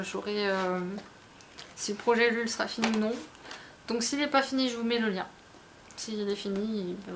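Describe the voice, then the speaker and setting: A woman's voice: on the high side, slight background noise. Chatty woman with fillers. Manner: chatty, rambling, with many fillers and restarts. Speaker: book vlogger. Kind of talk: casual chat.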